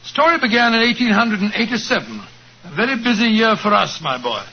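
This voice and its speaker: An actor playing a genial, avuncular doctor telling a story in a 1940s radio drama. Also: male voice, high voice, big pitch swings, fairly quick. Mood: storytelling. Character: genial older doctor, Holmes's friend and narrator. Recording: dull old radio broadcast with hiss.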